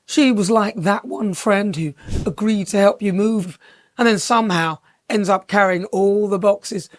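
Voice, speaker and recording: A woman's voice: mid-range voice, a little slow, no echo, clean studio sound. A woman TV presenter, delivering a scripted satirical monologue in a sarcastic, mocking way.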